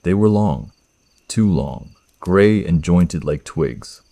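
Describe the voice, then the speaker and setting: A man narrating a first-person horror story in a tense, measured scripted style. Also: sits low, expressive, dark tone.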